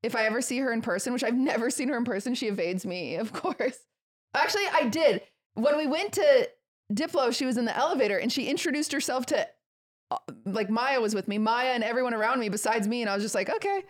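High-voiced young woman gossiping animatedly. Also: quick pace. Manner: gossipy, acts out quoted dialogue. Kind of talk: casual chat, animated storytelling.

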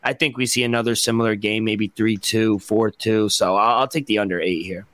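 A man's voice: lowish voice, fairly even intonation, brisk, fairly bright tone, no echo. A man co-hosting a sports betting podcast, giving picks in casual chat and often correcting himself mid-sentence. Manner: self-correcting, trails off at ends of thoughts. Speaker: podcast co-host.

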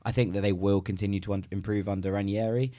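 A man's voice: fairly low pitch, steady tone, quick pace, warm tone. A man hosting a football fan podcast, chatty and jokey as he reads plugs and gives opinions. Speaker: podcast host. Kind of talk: casual fan podcast chat.

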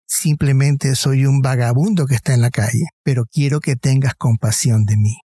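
A man's voice: medium pitch, warm tone, breathy edge, no echo, clean studio sound. A man giving a Bible reflection, explaining the passage and retelling the story vividly. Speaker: preacher.

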